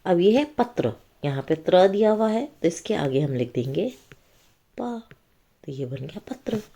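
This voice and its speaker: A woman's voice: fairly low pitch, big pitch swings, mellow. A woman teaching young children to read, talking patiently through a worksheet and checking in often with the listener. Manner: slow, patient explaining with frequent check-ins. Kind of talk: children's reading lesson.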